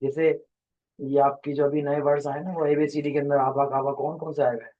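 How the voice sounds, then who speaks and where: A man's voice: on the high side, little pitch movement, fairly quick, narrow, tinny audio. A man teaching a class, lecturing in a rambling, explanatory way and quizzing his students.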